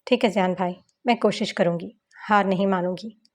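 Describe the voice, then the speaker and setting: A woman reading an audiobook novel, voicing a shy young woman in love who speaks softly and hesitantly. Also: mid-range voice, steady tone, moderate pace, close to an everyday voice. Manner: soft, hesitant.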